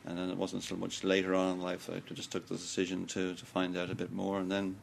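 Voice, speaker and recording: A man's voice: sits low, monotone, fast talker, vocal fry, a little hiss or hum. A man with a Dublin accent giving blunt, plain-spoken interview answers. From Ireland.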